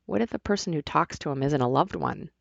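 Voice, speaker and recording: A woman's voice: low-pitched, lively intonation, fairly quick, creaky, no echo, lo-fi sound, full character voice. A woman voicing a reserved young woman who asks hesitant, curious questions.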